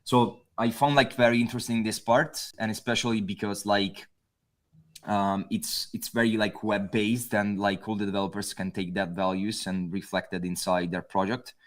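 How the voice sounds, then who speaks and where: A man with an Italian accent, a guest designer talking in a casual panel chat, halting and full of fillers. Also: lowish voice, flat delivery. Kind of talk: casual panel chat over a video call.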